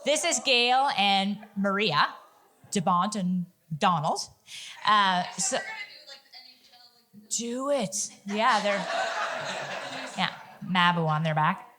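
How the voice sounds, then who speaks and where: A woman's voice: mid-range voice, expressive, takes it slowly, long pauses, noisy background. A woman with a Nova Scotian accent hosting a panel in a museum, teasing and joking with the guests. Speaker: panel host. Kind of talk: casual panel moderating. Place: museum event hall.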